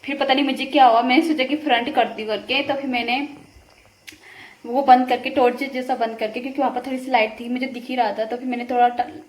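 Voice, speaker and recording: A woman's voice: high voice, steady tone, a little fast. A woman vlogging on her phone camera, chatting casually and laughing as she retells a scare, first walking outside at night and then at home. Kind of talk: casual vlog chat.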